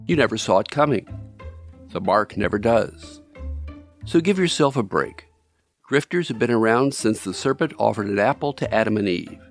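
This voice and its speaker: A man hosting a podcast, reading scripted narration in a measured storytelling way, addressing the listener directly. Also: lowish voice, expressive, faint music behind. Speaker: podcast host.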